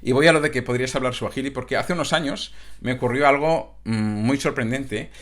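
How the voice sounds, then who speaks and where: A man's voice: medium pitch, fairly quick, a bit bright. A man from Catalonia, a coach talking in a casual, reflective monologue that stumbles over restarts and tag questions. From Catalonia, Spain.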